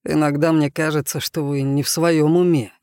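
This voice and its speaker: Man reading as a stern blunt wolf, slow measured delivery, dry close mic, storybook audiobook. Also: fairly high pitch, little pitch movement, a little mellow, smooth, dry recording, close to an everyday voice. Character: stern, loyal grown wolf, gruff and blunt.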